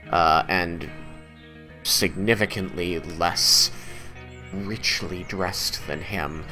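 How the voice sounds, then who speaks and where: A man's voice: low voice, sharp tone. A man improvising narration as game master of a tabletop fantasy game. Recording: music playing behind the voice.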